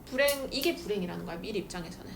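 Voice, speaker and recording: A young woman teacher giving a lively, chatty classroom lecture and acting out little scenes with students. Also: mid-range voice, very fast, vocal fry. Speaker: Korean literature teacher. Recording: noisy room recording.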